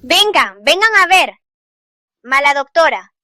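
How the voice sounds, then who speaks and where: A woman voicing a desperate middle-aged mother who pleads and then loudly accuses a doctor, in a Spanish drama dub. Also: high-pitched, expressive, moderate pace, no room sound, clean studio sound. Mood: accusing.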